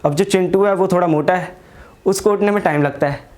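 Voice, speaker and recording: A man's voice: high-pitched, a little fast, darkish tone. A young man doing stand-up comedy, telling a story in a crude, slangy way and acting out his friends' lines.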